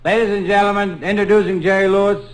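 A man as MC and straight man on a 1950s radio comedy show, smooth and exasperated. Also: high-pitched, little pitch movement, fast talker, very noisy. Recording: old radio broadcast with live audience.

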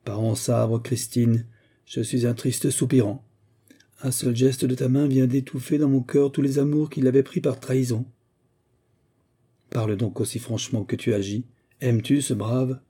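A man reading aloud plays a young warrior king with an imperious, booming manner of command. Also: little pitch movement, normal speed, warm tone, slightly rough, close to an everyday voice. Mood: hearty.

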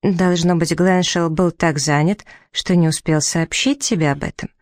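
A woman's voice: fairly low pitch, fairly even intonation, moderate pace, darkish tone, dry recording, studio quality, close to an everyday voice. A woman reading the part of a playful, mischievous young woman who teases her sister with ironic remarks. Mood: teasing.

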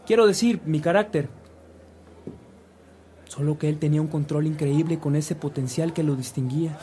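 An actor playing an earnest, eager devotee in a radio drama, expressive as he confides in a priest. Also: a little high, moderate pace, a little hiss or hum, close to an everyday voice.

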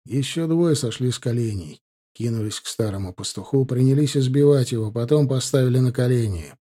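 A man narrating a story in a steady, dramatic way, as in an audiobook. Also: medium pitch, a little fast.

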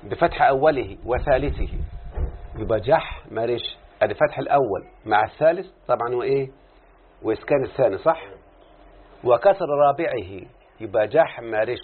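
Egyptian sheikh teaching in a tinny recording. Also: male voice, mid-range voice. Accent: Egyptian Arabic. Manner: keeps checking in with students, repeating and drawing out syllables. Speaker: teacher of Arabic morphology. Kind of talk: classroom lesson with call-and-response. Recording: tinny phone-like lo-fi sound with faint background noise.

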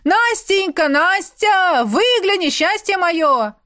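A woman voicing a clingy, showy young man, the heroine's ex-boyfriend, who calls out loudly and drags his words. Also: mid-range voice, very animated, dry recording, studio quality, lightly acted. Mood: calling out. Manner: loud, drawn-out calling.

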